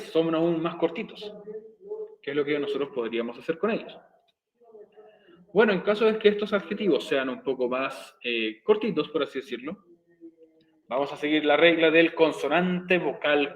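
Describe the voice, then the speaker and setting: Man teaching slowly in an echoey room. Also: on the high side. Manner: slow, repeating explanations step by step. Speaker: English teacher. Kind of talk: recorded video lesson.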